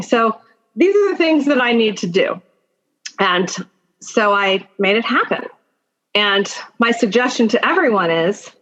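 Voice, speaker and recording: A middle-aged attorney and mentor appears as a podcast guest, offering career advice and personal stories in an emphatic, encouraging way, speaking directly to the listener. Her voice is fairly high and fairly bright, though the recording sounds muffled.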